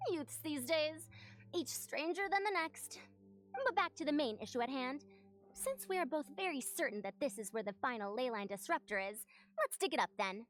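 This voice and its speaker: A woman voicing a sharp, formal woman scholar with an old-fashioned way of speaking. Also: high voice, lively intonation, normal speed.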